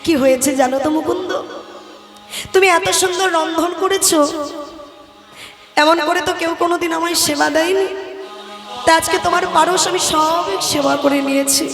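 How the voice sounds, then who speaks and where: A woman voicing a loving male deity who speaks gently and tenderly to a boy. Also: very high voice, moderate pace, long pauses. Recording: echoey hall with music.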